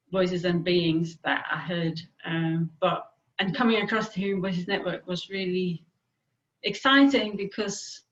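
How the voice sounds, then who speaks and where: A Danish woman with a somewhat low, slightly bright voice gives reflective interview answers as a guest and peer expert on hearing voices. She sounds thoughtful and muffled, pausing often and using fillers.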